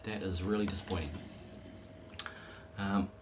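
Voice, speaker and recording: While gaming on stream, a man in his forties talks casually, wandering from topic to topic and laughing readily. His low-pitched voice, still somewhat worn from a cold, keeps a fairly even intonation and measured pace over background noise.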